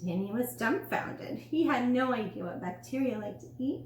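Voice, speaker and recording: Lady reading a kids book about teeth, highish voice, echoey room w a faint hum. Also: lively intonation, moderate pace, a little mellow. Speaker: children's dental educator. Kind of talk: reading a picture book aloud to children.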